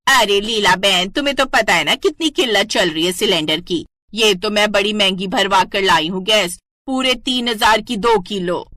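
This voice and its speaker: A woman's voice: mid-range voice, moderate pace, hardly any pauses, dry recording, close to an everyday voice. A woman voicing a dramatic, gossipy middle-aged neighbor in a cartoon story. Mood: chatty. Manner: loud and alarmed, shouting.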